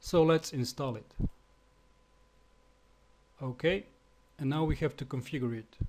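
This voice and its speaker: With a slightly high, slightly mellow voice, this web developer from Slovenia records a screencast tutorial in accented second-language English. He stumbles along with fillers and keeps restarting.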